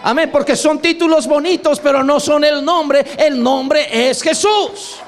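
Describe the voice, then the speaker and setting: High-voiced preacher man, emphatic. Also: unhurried, slight background noise. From Latin America. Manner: emphatic, asks the congregation for agreement; swings between low asides and loud exclamations. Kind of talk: sermon.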